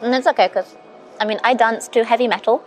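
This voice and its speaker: Her pitch is fairly high, her tone steady, and her delivery fast. This woman in her twenties came from the Caribbean and later moved to England, and she chats frankly and casually as an interview guest over a meal of afternoon tea. The setting is a spacious indoor hotel lounge restaurant, captured by a small recorder or phone near her across the table.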